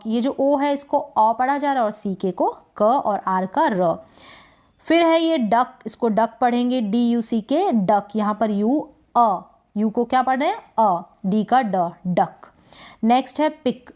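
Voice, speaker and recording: A woman teaching English spelling and reading, drilling each word slowly and asking and answering her own questions. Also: a little high, darkish tone. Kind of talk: spelling and pronunciation lesson.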